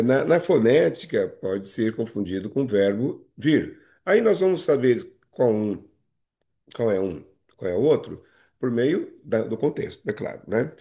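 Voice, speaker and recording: A Brazilian Portuguese-accented male teacher talks a class through a grammar lesson on video. His voice sits fairly low and sounds warm and mellow. He explains patiently, often stops to check the class is following, and restarts phrases with small fillers. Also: creaky. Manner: explains patiently with frequent "né?" and "não é isso?" checks.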